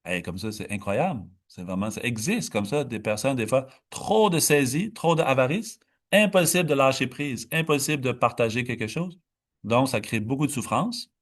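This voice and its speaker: Man, meditation teacher, dharma talk, patient, stretched key words, mid pitch. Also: animated. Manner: unhurried explaining, many restarts, stretches key words.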